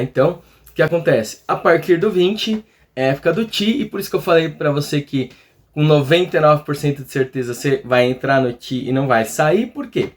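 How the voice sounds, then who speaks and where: Chatty Brazilian man teaching. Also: on the high side. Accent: Brazilian Portuguese. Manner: chatty, checks in often with "tá?" and "legal?". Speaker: English teacher. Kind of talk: casual explanatory lesson.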